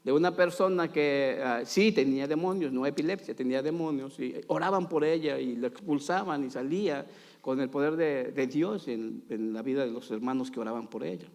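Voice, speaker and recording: A man preaching a sermon in a church, dramatic, swinging from loud pleading to quiet asides. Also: mid-range voice, moderate pace. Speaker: pastor. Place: church sanctuary. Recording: long hall reverb.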